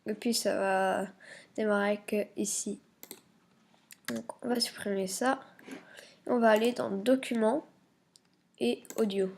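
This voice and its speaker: A woman walking viewers through a software tutorial, hesitant and full of fillers, self-corrections and muttered asides. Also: medium pitch, fairly even intonation, slow, gravelly, long pauses. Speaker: YouTube tutorial maker. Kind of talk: screen-recording software tutorial.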